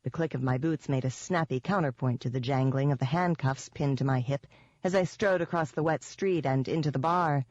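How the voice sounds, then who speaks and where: A woman's voice: very deep voice, fairly quick, a little mellow, no room sound. A woman narrating a first-person audiobook in a wry, sardonic manner. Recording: dull, dry audiobook recording.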